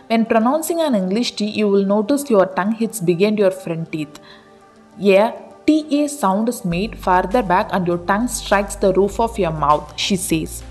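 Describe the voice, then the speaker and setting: A woman's voice: mid-range voice, a little mellow. Woman narrating a scripted explainer.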